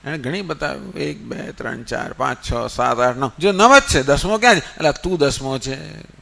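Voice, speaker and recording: A man's voice: mid-range voice, expressive, vocal fry, bright, forceful tone. A man giving a spiritual discourse, telling a story and asking and answering his own questions. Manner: storytelling with rhetorical questions, counts slowly. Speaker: spiritual teacher. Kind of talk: Gita discourse.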